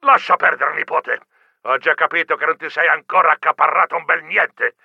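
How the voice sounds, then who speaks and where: A man's voice: on the high side, moderate pace, creaky, slightly rough, dry recording, muffled recording, exaggerated voice. A man voicing a bossy old grandfather mouse who barks commanding, clipped orders down the phone in an audiobook. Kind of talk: audiobook character voice.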